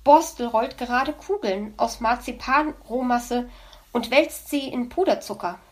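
A woman's voice: a little high, a little slow, natural voice. A woman voicing a busy, chatty mother hedgehog in a storybook, motherly and fond.

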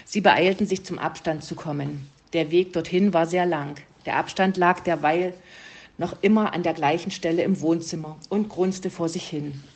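A woman calmly reading a German story aloud to listeners. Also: on the low side, normal speed. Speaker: reader.

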